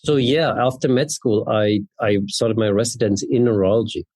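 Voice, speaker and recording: Fairly low in pitch and darkish in tone, a man's voice moves at a moderate pace with no echo. The speaker, in his fifties and from East Berlin, Germany, has a German accent and answers conversationally as an interview guest, a neurologist and genetics researcher.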